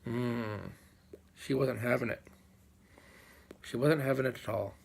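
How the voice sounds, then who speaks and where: Husky-voiced man telling a folk story. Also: mid-range voice. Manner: unhurried with dramatic pauses and repeated phrases. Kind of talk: live oral folk storytelling.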